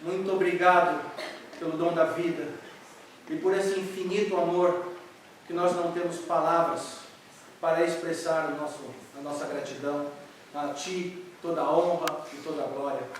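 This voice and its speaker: A man's voice: a little high, fairly even intonation, normal speed, slight background noise. A man preaching and leading a prayer in a church, with an earnest, reverent manner. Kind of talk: sermon and closing prayer. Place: church sanctuary. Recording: echoey church hall, mic far off.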